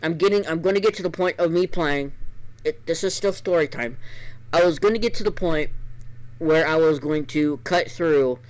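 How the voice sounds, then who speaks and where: A man streamer telling a casual story before a let's play, rambling with restarts, his voice a bit gravelly. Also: fairly high pitch, normal speed, rough recording. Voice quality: normally gravelly voice.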